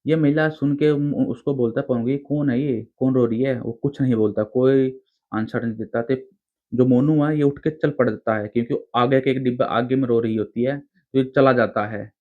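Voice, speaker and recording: A man tells a spooky tale at a mid pitch, speaking in a loose, conversational way as if chatting with friends. The recording is thin and tinny, like it was made over a phone line. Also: moderate pace. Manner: informal, chatty retelling in plain speech. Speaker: storyteller. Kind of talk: casual spoken horror story narration.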